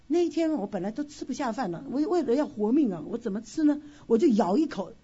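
A woman's voice: fairly high pitch, animated, fast, warm tone, slightly rough, lo-fi sound. A woman giving an emotional personal testimony at church, telling her story expressively with frequent sighing exclamations. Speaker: church member sharing a testimony.

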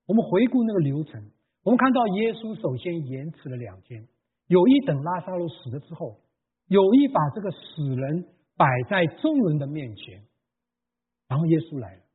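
Male church elder, sermon delivery, earnest, leans on key words, raspy timbre. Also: a little high, big pitch swings, moderate pace. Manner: earnest, stresses key words by raising his voice. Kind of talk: sermon with scripture reading. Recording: thin phone-like sound.

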